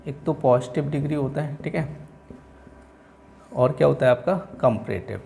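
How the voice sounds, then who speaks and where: A man teaching English grammar in a Hindi-language class, with an Indian accent, who keeps repeating "theek hai" and slows down to read example sentences word by word. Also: medium pitch, vocal fry, darkish tone, slight background noise. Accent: Indian English, Hindi-speaking. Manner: repeats "theek hai" and "aap log dhyan rakhen" often.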